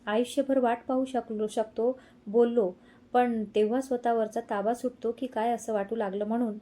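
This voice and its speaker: A man's voice: very high voice, fairly even intonation, moderate pace, warm tone. A woman reading as a teasing young husband. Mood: reassuring. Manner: affectionate, playful teasing.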